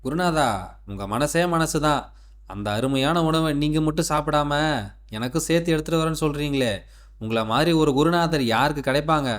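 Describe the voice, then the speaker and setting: An actor voicing a sly, flattering disciple in a cartoon, with a Tamil accent. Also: male voice, a little high, a little fast, close to an everyday voice. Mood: fawning. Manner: fawning, flattering. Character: sly flattering male disciple, greedy for food. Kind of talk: cartoon dubbing.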